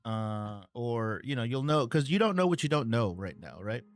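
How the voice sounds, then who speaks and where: A man hosting a casual live stream, answering viewer questions in a relaxed way with many ums and uhs. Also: mid-range voice, normal speed, no echo, faint music behind.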